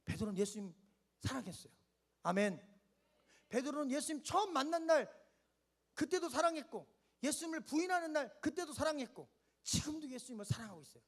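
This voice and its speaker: A man's voice: very high voice, lively intonation, a little fast, pauses often. A man preaching a sermon at a winter camp, leading the congregation to repeat lines and answer amen. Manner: asks questions and answers them himself in short steps. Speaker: pastor.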